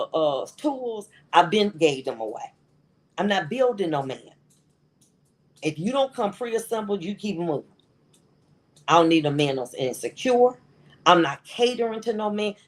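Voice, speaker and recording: A woman's voice: on the low side, low-quality recording. A middle-aged woman giving a motivational talk to an audience, emphatic and repeating phrases for effect. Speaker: motivational speaker.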